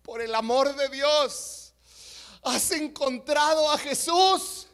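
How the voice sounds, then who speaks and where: A man voicing a zealous, fiery male preacher who shouts fervently, with a Mexican Spanish accent. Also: extremely high pitch, slow pace, pitched above the performer's own voice, exaggerated voice.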